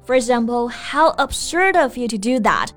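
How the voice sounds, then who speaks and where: A woman's voice: fairly high pitch, animated, moderate pace, fairly bright tone. A woman co-hosting an English lesson in a casual, chatty way, explaining phrases with example sentences. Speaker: co-host of an English lesson podcast. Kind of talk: casual bilingual teaching chat. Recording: light background music.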